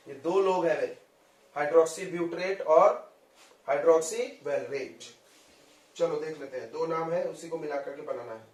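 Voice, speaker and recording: A man teaching chemistry in a classroom lecture, quizzing his students and coaxing them to follow along. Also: a little high. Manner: coaxing, drills students with questions. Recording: roomy echo, voice from a distance.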